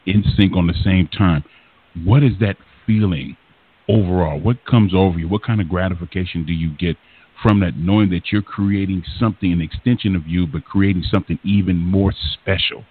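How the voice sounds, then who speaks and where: A man's voice: sits low, fairly quick, husky. A man hosting an interview who asks long, earnest, winding questions. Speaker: interview host. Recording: dry tinny phone line.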